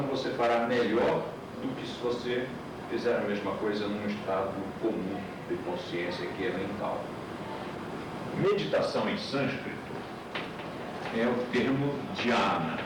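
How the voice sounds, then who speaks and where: A man's voice: medium pitch, noisy background. Guy teaching a class, old vhs tape, echoey and far from the mic. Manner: explanatory, with rhetorical questions and acted-out asides. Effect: old VHS tape recording. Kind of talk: classroom lecture.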